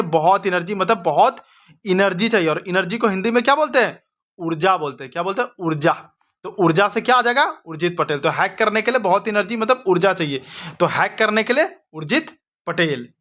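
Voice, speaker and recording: A man with a high, light voice teaches an exam revision lesson. He keeps asking his students quick questions and answers them himself. His tone is chatty and informal, and he calls his listeners "brother". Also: bright, forceful tone. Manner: chatty, addresses students as bhai.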